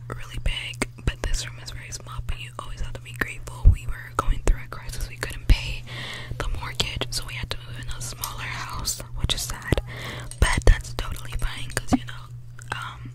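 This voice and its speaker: A teenage young woman whispering a casual, rambling ASMR talk in a breathy, unvoiced whisper, very close to a desktop microphone. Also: normal speed, poor audio. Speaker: ASMR creator. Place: small bedroom, indoors. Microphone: desktop condenser mic, very close.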